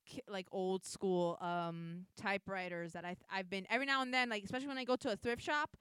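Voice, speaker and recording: A woman's voice: medium pitch, fairly even intonation, fairly quick, a bit bright, clean tone, no room sound. A young woman in casual chat, rambling and restarting her sentences, swearing now and then.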